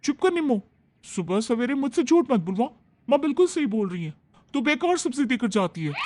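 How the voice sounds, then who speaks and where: A woman voicing a young, flattering daughter-in-law who complains and pleads. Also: a little high, brisk, slight background noise, voice pushed up. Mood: upset.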